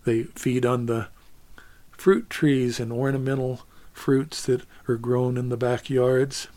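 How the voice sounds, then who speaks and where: Slow, easygoing male storyteller. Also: mid-range voice, flat delivery, mellow. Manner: slow, easygoing, repeats words as he gathers thoughts. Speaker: storyteller and singer. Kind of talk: unhurried spoken storytelling.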